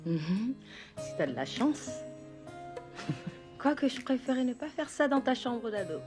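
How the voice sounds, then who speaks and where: Une actrice jouant une policière sûre d'elle, au ton familier, un brin pince-sans-rire. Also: female voice, fairly high pitch, very animated, measured pace. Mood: playful. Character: teasing, self-assured policewoman, the cook's lover. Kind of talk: French-language acted film or series dialogue. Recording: music behind the dialogue.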